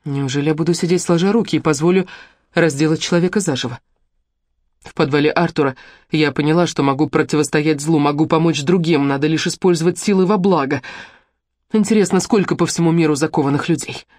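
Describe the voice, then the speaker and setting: Brief: audiobook narrator, measured first-person storytelling, mid pitch, dead-dry booth sound. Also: darkish tone, dry recording.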